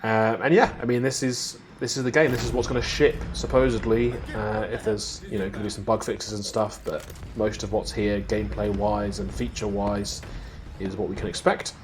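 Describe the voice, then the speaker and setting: A man with a lowish voice chats casually about games on a live stream. He laughs easily and fills his talk with ums and restarts. A steady hiss of background noise sits under the recording. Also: normal speed. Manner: chatty, laughs often, many ums and restarts. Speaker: co-host of weekly games show. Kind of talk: casual live-stream chat over gameplay footage.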